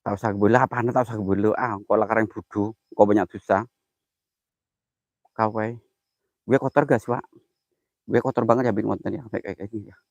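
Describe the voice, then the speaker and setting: A man on a live stream, chatting casually with viewers. His nervous chatter keeps breaking into quiet, muttered prayers. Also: on the low side, fairly even intonation, a little fast, gravelly, long pauses, dry recording, lo-fi sound. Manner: jittery, mutters prayers under his breath between loud chatter.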